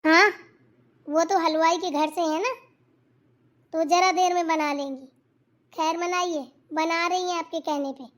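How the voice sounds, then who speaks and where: A woman's voice: extremely high pitch, fairly even intonation. A woman voicing a bossy, meddling young sister-in-law in a cartoon, giving orders and advice. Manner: quick, bossy, advising. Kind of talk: cartoon voice acting.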